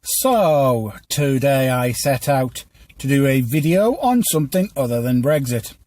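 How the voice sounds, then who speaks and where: A man's voice: mid-range voice, expressive, measured pace, a little mellow, dry recording. A man hosting a news commentary podcast, reading from a script in a stilted, teleprompter-like way with small stumbles. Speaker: podcast host.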